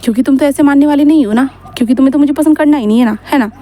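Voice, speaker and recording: Woman doing a commanding male teacher, teasing tone, warm. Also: high voice, very fast, natural voice. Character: domineering male mafia teacher, teasing and bossy.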